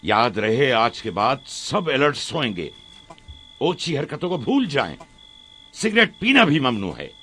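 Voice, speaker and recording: A man's voice: medium pitch, huge pitch swings, unhurried, a bit bright, slight background noise. Man dubbing a stern drill commander. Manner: barking orders, strict. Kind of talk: film dub.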